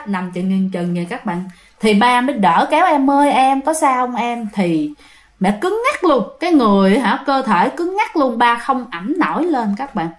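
A woman with a Southern Vietnamese accent tells a ghost story in a loose, chatty way, often turning to address her listeners. Her voice sits a little high. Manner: chatty, addresses listeners directly, many fillers. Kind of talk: casual ghost story narration.

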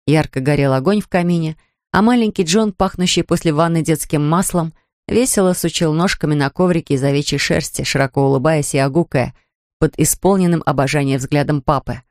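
Brief: measured female audiobook narrator, fairly low voice, dry studio sound. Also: darkish tone, dry recording. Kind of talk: scripted narration.

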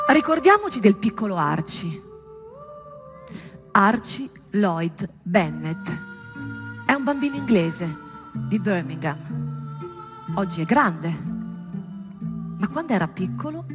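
Performing a theatrical monologue on stage, a woman speaks in a medium pitch, her delivery dramatic, deliberate, and emphatic.

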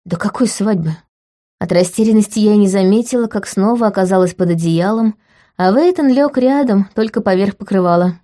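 A woman reading a first-person romance novel aloud as an audiobook narrator, in an even, measured way. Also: medium pitch.

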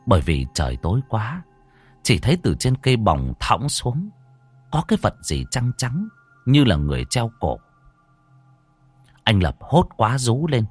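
A man's voice: medium pitch, unhurried, pauses often, husky, no echo, faint music behind. A man narrating a horror story, acting out every character. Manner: animated, voices all characters.

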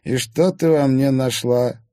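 A man's voice: medium pitch, a little slow, warm tone, dry recording, studio quality, pitched above the performer's own voice, natural voice. A man reading an audiobook, voicing an arrogant, charming young man who talks in a smug, teasing way. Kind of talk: audiobook character voice.

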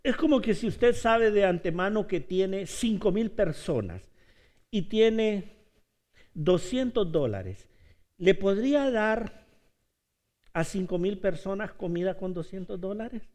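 A man preaching a sermon as pastor, animated and playful, acting out the voices in the story. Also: high-pitched, slow.

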